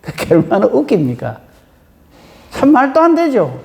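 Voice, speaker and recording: A woman's voice: medium pitch, unhurried, creaky. A woman preaches at a dawn service, her voice swinging widely up and down as she keeps turning questions on her listeners. Her words ring out with a long reverb through a church sanctuary. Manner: lively, asks the congregation many rhetorical questions. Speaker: pastor. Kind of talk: dawn prayer service sermon.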